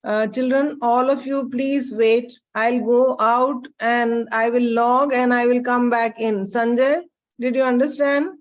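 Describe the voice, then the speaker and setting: A woman's voice: on the high side, steady tone, measured pace. Indian woman teacher on screen-recorded video call. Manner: checks students by name, repeats points. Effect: screen-recorded online class audio. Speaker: chemistry teacher. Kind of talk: online class teaching. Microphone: video call computer mic. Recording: dull lo-fi video call audio.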